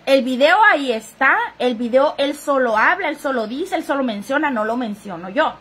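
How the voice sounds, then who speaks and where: High-voiced woman gossiping live. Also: expressive, moderate pace, fairly bright tone, husky. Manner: chatty, talking straight to viewers. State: sniffly, runny nose. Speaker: live-stream gossip host. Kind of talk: casual chat reading viewer comments.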